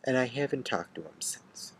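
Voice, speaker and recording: A man telling a bitter story in an angry rant, swearing and swinging from hushed seething to loud outbursts. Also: medium pitch, expressive, normal speed, slightly rough. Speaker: storyteller ranting to camera. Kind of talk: angry first-person rant.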